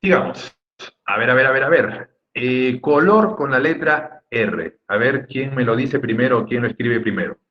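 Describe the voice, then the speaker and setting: A man teaches an online class over a video call, his voice medium-pitched and moderately paced. He patiently coaxes students by name and stretches out words to emphasize their syllables. The sound comes through a computer mic, muffled and lo-fi.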